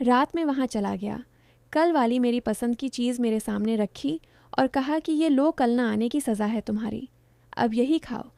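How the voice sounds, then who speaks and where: Calm woman reading a love story, warm mellow voice, no room sound at all. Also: on the high side, creaky, no room sound. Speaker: narrator. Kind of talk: reading a romance novel aloud, first person.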